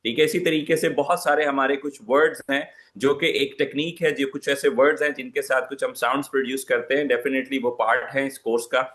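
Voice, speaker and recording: A man's voice: mid-range voice, fairly even intonation, fairly quick, few pauses, fairly bright tone. A man teaching a live online public speaking class, explaining patiently and switching between English and Urdu mid-sentence.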